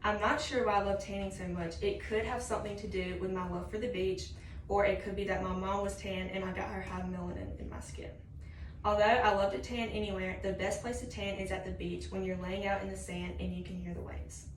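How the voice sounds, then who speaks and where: A young woman gives a prepared student speech, working through her points in a scripted, orderly way. Her voice sits at an average pitch. It is picked up from a distance in an echoey room with slight background noise. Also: level tone, fairly quick. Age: young adult. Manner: scripted, signposted point-by-point delivery. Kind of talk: prepared introductory class speech. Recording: roomy, distant mic with faint noise.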